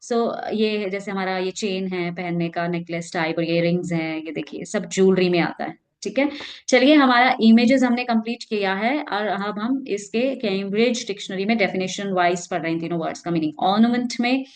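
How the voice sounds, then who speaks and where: Woman, teacher, vocabulary lesson, middle pitch, patient, chatty, slow careful reading of definitions. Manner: explains patiently, mixes Hindi and English, reads definitions slowly. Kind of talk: casual Hindi-English explanation lesson.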